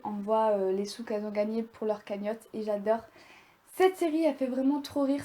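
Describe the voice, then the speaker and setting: A woman's voice: fairly high pitch, warm tone. A young woman talking casually to viewers in a review vlog, chatty and rambling as she goes. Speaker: video creator.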